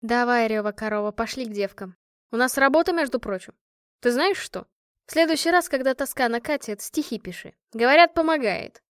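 A woman voicing a caring but blunt young woman squad leader in an audiobook, talking gently and teasingly. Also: fairly high pitch, fairly quick, clear, resonant tone, dry recording, clean studio sound, natural voice. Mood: brisk scolding.

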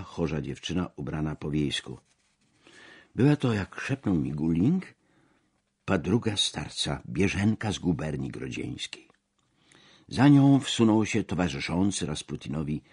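A man reading a memoir aloud as audiobook narration, measured and expressive. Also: deep voice, slightly rough.

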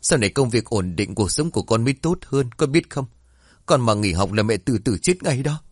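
A man's voice: mid-range voice, animated, a little fast, slightly rough, no echo, clean studio sound. A man voicing a poor, devoted mother who pleads tearfully and speaks tenderly to her son. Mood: tender firm.

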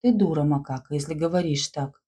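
A woman's voice: deep voice, a little fast, mellow, breathy edge. A woman voicing a fervent, commanding schoolgirl who leads a séance and addresses the spirit. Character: exalted schoolgirl leading a séance.

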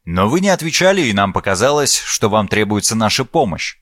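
A man's voice: fairly low pitch, brisk, no room sound, studio quality. A man voicing a courteous, shrewd detective. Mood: calm. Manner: calm, courteous questioning. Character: polite, shrewd male detective. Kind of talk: audiobook character voice.

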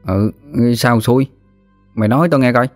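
A man's voice: mid-range voice, moderate pace, soft background music, pitched above the performer's own voice, lightly acted. A man voicing a chubby, joking village boy, offhand and lazy.

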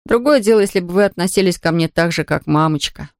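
A reader voicing a bedridden orphan boy in an audiobook, speaking quietly, firmly and gloomily. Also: mid-range voice, fast talker, no room sound, studio quality, natural voice. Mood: stubborn sad. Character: sick orphan boy, proud and stubborn. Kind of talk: audiobook character voice.

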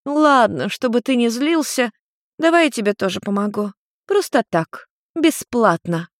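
A woman doing a drawling, slurring witch mother, voice pitched well up and dragged out in slow, teasing phrases. She sounds tipsy and playful, all sing-song lilt. The storybook reading is close and dry. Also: expressive, no echo.

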